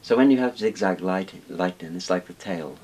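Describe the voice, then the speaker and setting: With a low, slightly mellow voice at a normal pace, an older man from Wales explains things in a loose, discursive way as an expert on Chinese dragons being interviewed. He sits in a small book-lined room, and hiss is audible behind him.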